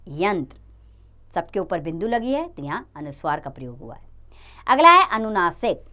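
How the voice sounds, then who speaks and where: A woman teaching a grammar lesson to children, explaining patiently and calling them "children" as she goes. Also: mid-range voice. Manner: addresses children, lively sing-song explaining.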